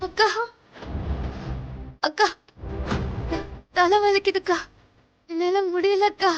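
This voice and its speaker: Brief: high, slow-drawling woozy young woman, TV serial with loud music. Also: flat delivery, dull audio. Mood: dazed. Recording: TV drama with loud background music.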